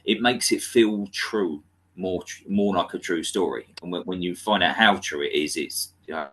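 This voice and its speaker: Very deep, husky man in film chat. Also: fairly bright tone. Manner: agreeable, lots of backchannel, halting phrasing. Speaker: podcast co-host. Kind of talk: casual film discussion.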